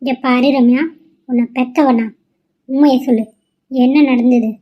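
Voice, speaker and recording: A woman voicing a worried middle-aged mother in a cartoon, loud and demanding as she scolds her daughter. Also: high voice, steady tone, a little slow, muffled recording. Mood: scolding. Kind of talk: cartoon voice acting.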